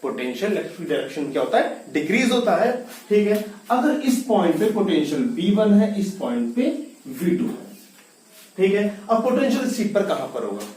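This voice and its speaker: In an echoey room and heard from far off, a man lectures on physics in classroom style, posing questions and then answering them himself. His voice is high with big pitch swings, fairly quick, and darkish in tone. He repeats key terms and mixes English into his speech.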